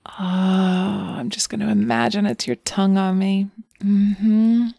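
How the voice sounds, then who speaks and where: A woman playing a gravelly, teasing succubus. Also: medium pitch, little pitch movement, slow, dark tone, no echo, studio quality. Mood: sultry. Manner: teasing, breathy, slips into whispers. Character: seductive teasing female succubus, playful and wicked. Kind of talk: erotic audio roleplay.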